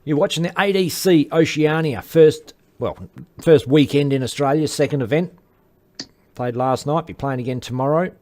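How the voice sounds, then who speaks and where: A man's voice: a little high, moderate pace, a little mellow. A man giving casual live sports commentary, chatty and informal, with the odd aside. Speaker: darts commentator.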